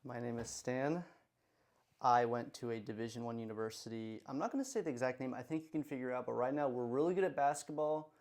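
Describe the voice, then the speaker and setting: A man in his twenties co-hosting a podcast, calm and reserved, speaking in a monotone. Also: medium pitch, quick pace. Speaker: podcast co-host. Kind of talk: casual podcast chat.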